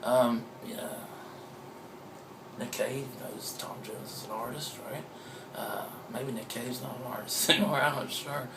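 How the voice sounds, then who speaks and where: Gravelly guy author rambling and cussing, mocking himself, roomy echo around him. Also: mid-range voice, steady tone, a little slow, background noise. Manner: meandering, profane, self-mocking. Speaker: author being interviewed. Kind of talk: casual rambling interview talk. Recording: roomy echoey room.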